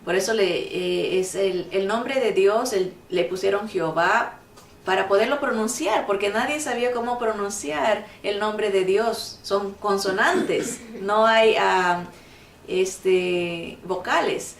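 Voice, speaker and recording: A woman's voice: medium pitch, slow. A woman teaching a Bible lesson in an earnest, emphatic way, often repeating her points. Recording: echoey room, mic at a distance.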